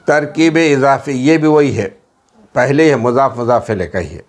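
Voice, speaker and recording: A man's voice: mid-range voice, animated. Hyderabadi guy teaching a class, says each word then its meaning over and over, throws in english words. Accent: Hyderabadi Urdu. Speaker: Arabic teacher. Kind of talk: classroom lesson.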